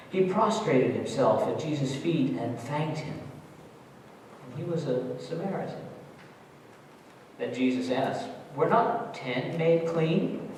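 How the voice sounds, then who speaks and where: A man's voice: medium pitch, a little mellow. A man, a pastor, reading scripture aloud in a formal church style. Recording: echoey hall from far off, faint noise.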